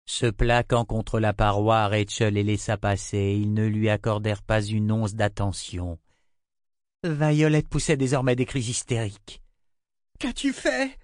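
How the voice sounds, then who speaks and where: A man narrating a fantasy children's audiobook in a steady storytelling manner. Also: lowish voice, a little slow, dry recording, clean studio sound. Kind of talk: scripted narration.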